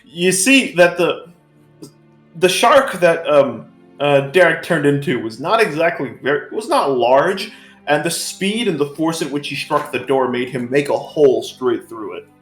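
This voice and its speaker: A man's voice: fairly high pitch, animated, measured pace, a bit bright. A man narrating as game master of a tabletop game, rambling with many fillers. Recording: echoey room with faint music.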